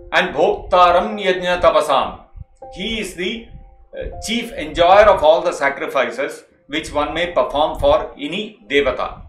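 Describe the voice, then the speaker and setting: A man's voice: a little high, fairly bright tone. A man telling a devotional epic story in an explanatory way, with frequent filler hesitations. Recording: echoey room with faint music.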